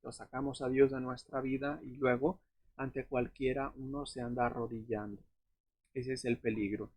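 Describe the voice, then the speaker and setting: A man with a husky, slightly worn voice teaches scripture in a relaxed, explanatory way, pausing on fillers and checking in with tag questions. His voice sounds close and dry, with no room echo. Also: mid-range voice. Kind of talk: unscripted Bible lesson.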